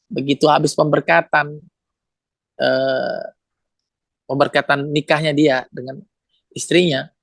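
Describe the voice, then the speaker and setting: A man's voice: fairly high pitch, gravelly, no room sound. A man giving a testimony as a guest, telling a family story with feeling, laughing often and turning to the host as he talks. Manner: lively, laughs often, keeps addressing the host. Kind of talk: emotional storytelling.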